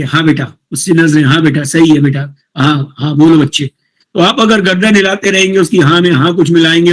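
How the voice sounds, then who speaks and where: A man, a college principal, giving a talk to teachers, reading English points slowly and explaining them conversationally. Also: high-pitched. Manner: casual, addresses listeners directly with questions. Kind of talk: motivational lecture to teachers.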